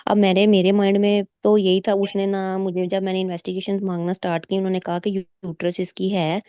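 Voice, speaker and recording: A woman's voice: medium pitch, brisk, clean tone, dry recording, lo-fi sound. A woman recounting her medical exam in casual storytelling, quoting examiners and switching into English medical terms, heard over a video call. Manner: animated retelling, quoting examiners and herself. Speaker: exam candidate sharing her experience. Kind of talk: casual storytelling in a recorded meet.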